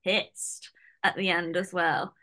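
A woman's voice: fairly low pitch, flat delivery, slow, pushed and bright. A woman hosting a casual chat and responding sympathetically to her guest. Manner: sympathetic, agreeing. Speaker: host.

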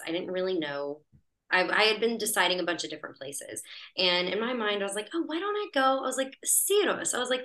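A woman from the United States with a medium-pitched, bright, forceful voice is a guest on a podcast. She tells a personal story in a chatty, breezy way, laughing as she talks in casual conversation.

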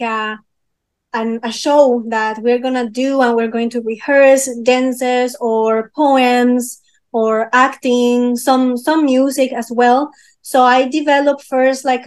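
A young Peruvian musician being interviewed speaks in a notably high voice. Casual and searching for words, she pauses with fillers and restarts her sentences as she goes.

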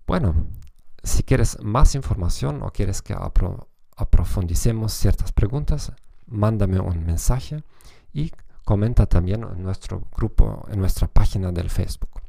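A man hosts a language podcast in a relaxed, chatty way. His voice sits fairly low, with a gravelly, fried edge and a mellow, dark tone. He keeps checking in with little "¿no?" tags as he goes. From Germany. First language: German. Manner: chatty, frequent "¿no?" tags and restarts. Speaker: podcast host and language teacher. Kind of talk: casual solo podcast talk.

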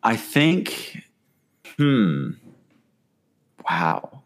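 Low-voiced man in relaxed podcast chat. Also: extremely slow. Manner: relaxed, amused, thinks aloud. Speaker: podcast co-host.

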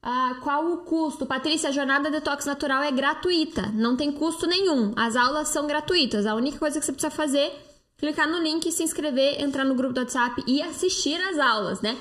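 On her live stream, a Brazilian detox coach speaks with a Brazilian Portuguese accent into a phone held near her mouth. Her high voice is a bit bright and a little fast as she persuasively chats through viewer comments, using plenty of fillers.

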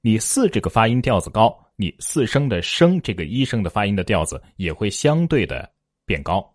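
A man's voice: fairly low pitch, very animated, moderate pace, no echo, studio quality. A man teaching Mandarin pronunciation, explaining the tones and demonstrating them aloud in repeat-after-me drills. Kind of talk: spoken lesson with demonstrations.

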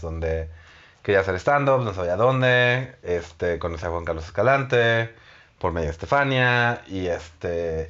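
A man's voice: low-pitched, a bit bright, lo-fi sound. A man, a stand-up comedian co-hosting a casual podcast, dropping dry jokes. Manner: dry, joking interjections. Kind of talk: casual chat.

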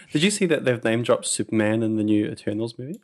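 A young man in relaxed casual chat, easygoing and agreeable. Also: mid-range voice, a little fast.

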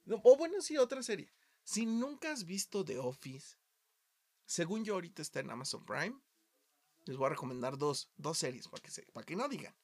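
Animated swearing Mexican man. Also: on the high side, brisk. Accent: Mexican Spanish. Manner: animated, swearing, jumps from quiet asides to loud outbursts. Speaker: podcast host. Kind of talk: casual podcast chat.

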